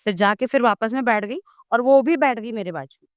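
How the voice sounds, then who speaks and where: Smooth-voiced woman telling a story. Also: a little high, brisk, dry recording, clean studio sound. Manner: animated storytelling, acts out dialogue. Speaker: guest devotee. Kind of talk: casual storytelling interview.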